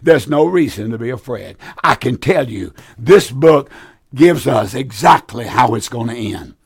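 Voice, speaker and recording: A man's voice: mid-range voice, animated, unhurried, slightly rough, no echo. A man preaching and taking calls on a live Bible show, with a weak, strained voice worn from preaching and an earnest, folksy, repetitive way of exhorting. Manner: earnest, plain folksy exhortation with repeated phrases.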